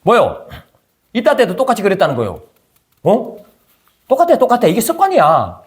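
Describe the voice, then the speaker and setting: A man's voice: sits high, huge pitch swings, normal speed. A male pastor preaching a conversational sermon, firing rhetorical questions at his congregation.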